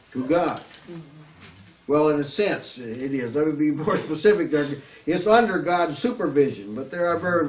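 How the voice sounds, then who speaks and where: An older man with a Southern US accent preaching an earnest, emphatic sermon at a lectern, often restarting his phrases. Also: a little high. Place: small room before a curtain backdrop, at a lectern. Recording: echoey room, slightly distant mic, faint hiss.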